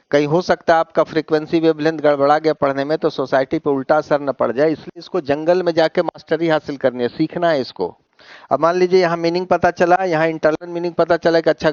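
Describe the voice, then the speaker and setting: A man's voice: fairly high pitch, no room sound. A male teacher giving a classroom lecture in Hindi. He mixes in English words and keeps asking his students whether they follow. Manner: asks questions and answers them, often adds 'है ना?'. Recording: dry, slightly dull sound.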